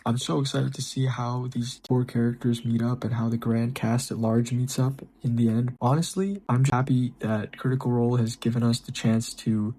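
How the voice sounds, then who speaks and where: A man hosting his own channel, giving an excited, gushing breakdown of a new show's first episode with frequent ums and restarts. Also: mid-range voice, normal speed, few pauses, low-quality recording. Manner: enthusiastic, gushing fan. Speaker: show reviewer and channel host.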